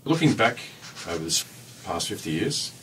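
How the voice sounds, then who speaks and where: In a small radio studio, a man conducts an interview, asking short, prepared questions and offering brief murmurs as he listens. His low-pitched voice is sing-song at a moderate pace, recorded far from the mic with a faint hiss.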